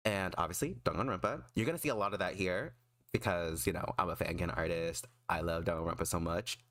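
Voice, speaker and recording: A man chatting casually on a livestream in an excitable, emphatic, self-deprecating way. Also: low-pitched, quick pace, dry recording. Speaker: streamer and artist.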